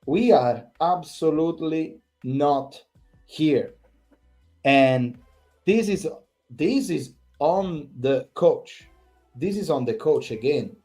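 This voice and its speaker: A man vents after a bad match, his voice sitting slightly high. He repeats himself and swears, sounding thoroughly fed up. Faint music plays underneath. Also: animated, slow pace, mellow. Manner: exasperated, repetitive, swearing. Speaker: fan channel host. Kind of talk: angry post-match reaction rant.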